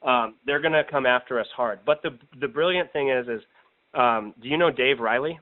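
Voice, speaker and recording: This political organizer, an American man, speaks at medium pitch and normal speed. Chatting casually by telephone, he explains his plans with informal confidence, and the recorded call sounds tinny.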